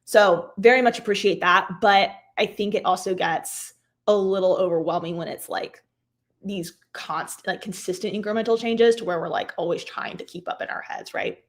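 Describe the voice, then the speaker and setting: A woman host talking viewers through a craft software update on a live stream. Her voice is wearing thin and a little hoarse, with throat clearing between points. She chats loosely, full of "like" and "um", and explains things step by step in a middle-pitched voice. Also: moderate pace. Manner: chatty, filler-heavy, explains step by step. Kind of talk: casual live software tutorial.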